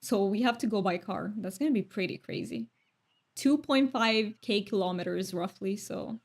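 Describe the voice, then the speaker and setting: A young Romanian woman chats casually with her stream audience at a moderate pace, her mid-pitched voice carrying some vocal fry. She sounds thoughtful and talkative, punctuating her remarks with light laughter.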